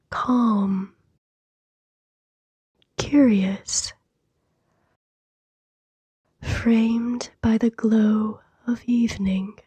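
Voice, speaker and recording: This sleep meditation is guided by a gentle woman whispering very breathily, her voice on the high side and her tone soft and calming. Short phrases come extremely slowly, separated by long silences, in a close, dry recording.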